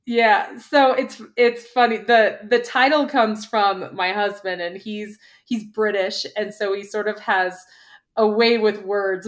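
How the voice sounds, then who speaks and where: A middle-aged woman, a former pro cyclist and coach, chatting casually in an interview and telling stories with lots of "like". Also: medium pitch. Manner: chatty, quick storyteller with frequent "like".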